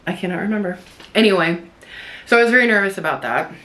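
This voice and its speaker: A woman's voice: mid-range voice, lively intonation, fast, sharp tone. A young woman vlogger chatting in a rambling way while doing her makeup, full of likes and restarts. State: tearful at moments. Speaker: beauty vlogger.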